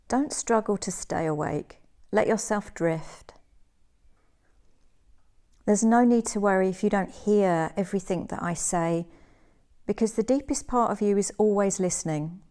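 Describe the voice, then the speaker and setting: This is a woman at medium pitch, a yoga teacher talking listeners through a relaxation meditation. Her delivery is soft and soothing, with deliberate phrasing and pauses.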